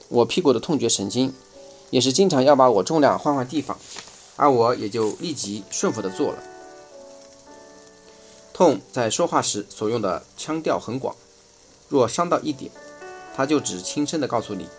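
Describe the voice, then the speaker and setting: Man reading a nonfiction book aloud. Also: mid-range voice. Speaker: audiobook reader. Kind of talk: first-person nonfiction reading.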